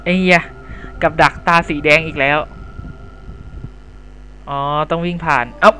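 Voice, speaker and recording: A young man giving crude, jokey commentary over a horror game, swearing loudly at scares and joking to his viewers. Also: a little high, fairly even intonation, unhurried, slight background noise, poor audio. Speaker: gameplay commentator. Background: game music.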